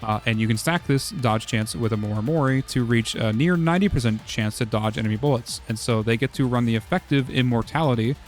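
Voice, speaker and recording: A man streaming casual game strategy talk, hoarse from losing his voice, rambling with many "uh"s and "like"s. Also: mid-range voice, a little fast, few pauses, soft background music. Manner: rambling, full of "uh" and "like".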